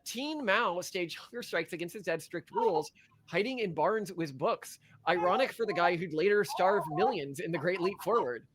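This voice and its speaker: Animated and a bit bright, this high-pitched man speaks at normal speed. As a podcast co-host, he reads from a list of facts and rambles sarcastically in a casual, opinionated talk.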